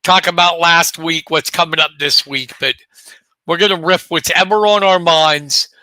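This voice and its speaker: A man in his late fifties with a very bright, ringing voice, co-hosting a sports talk show. He chats and jokes, often tossing out rhetorical questions. The sound is dry and close. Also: a little high, fairly even intonation, moderate pace, no room sound. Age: 50s. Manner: chatty, jokey, asks rhetorical questions. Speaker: co-host.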